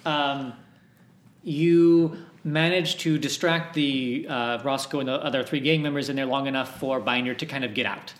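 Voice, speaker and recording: A man's voice: mid-range voice, moderate pace, slight background noise. A man acting as game master for a tabletop role-playing game, talking with many fillers and restarts. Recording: echoey room.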